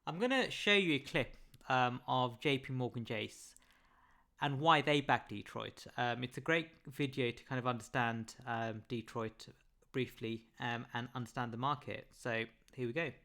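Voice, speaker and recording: A man's voice: medium pitch, sharp tone. Man presenting a webinar with many "um"s. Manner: measured, frequent "um" fillers. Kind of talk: presenting slides.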